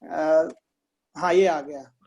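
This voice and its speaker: A man's voice: a little high, steady tone, very slow, creaky, a little mellow. A man teaching Sanskrit pronunciation in an online class, patiently repeating sounds and checking that his students follow.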